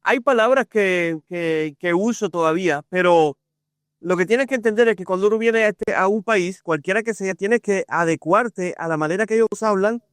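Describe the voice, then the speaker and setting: A man with a Cuban accent, speaking as a podcast guest in an earnest, explanatory way. His voice is on the high side, recorded dry and close to the mic. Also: moderate pace, a bit bright, smooth, dry recording. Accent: Cuban Spanish. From Cuba. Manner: explanatory, earnest, gives examples. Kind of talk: conversational interview.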